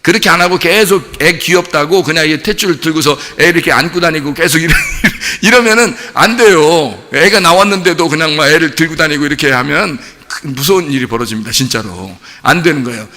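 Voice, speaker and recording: Lively high-pitched pastor in a reverberant church. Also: male voice, a little fast. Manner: animated, playful, asks the congregation questions and answers them. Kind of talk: sermon. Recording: church hall with long reverb.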